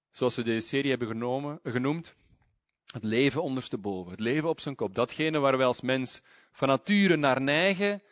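A man's voice: medium pitch, no room sound. Man preaching, dry sound. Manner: lively emphasis, reading scripture aloud. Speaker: pastor. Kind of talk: sermon.

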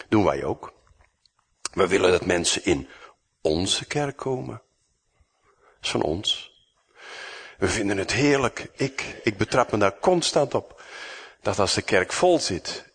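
A man preaching a sermon, acting out the dialogue and swinging from loud to hushed. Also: lowish voice, breathy edge.

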